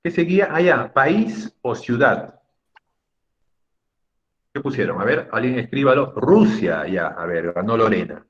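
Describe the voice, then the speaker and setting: Patient male teacher, lively pitch, muffled call audio. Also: measured pace, long pauses. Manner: patient, drawing out words to stress syllables; coaxing students by name, teasing lightly. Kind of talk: online class instruction. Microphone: computer mic on a video call.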